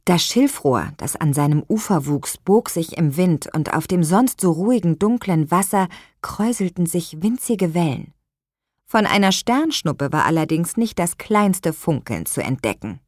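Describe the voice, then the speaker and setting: A woman narrates a children's audiobook in a fairly low voice that still moves animatedly. She tells the story expressively and slows down for suspense. The studio sound is dry and close. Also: very animated, a little mellow, no echo.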